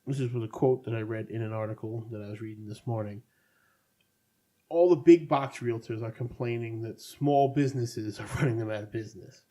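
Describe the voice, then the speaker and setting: A man's voice: mid-range voice, brisk, mellow. Sardonic man chatting. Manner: rambling, sardonic asides. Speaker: podcast co-host. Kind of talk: casual chat.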